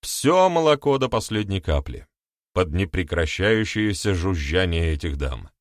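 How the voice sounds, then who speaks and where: A man narrating an audiobook in a wry, lively storytelling manner. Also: deep voice, unhurried, no room sound, studio quality. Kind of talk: scripted narration.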